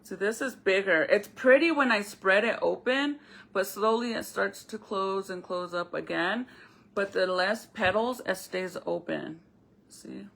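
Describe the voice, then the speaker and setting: A woman's voice: medium pitch, measured pace, vocal fry, fairly bright tone. A woman chatting casually on a live stream as she explains a craft, speaking informally to viewers with a retainer in her mouth. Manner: informal, conversational, addresses viewers directly.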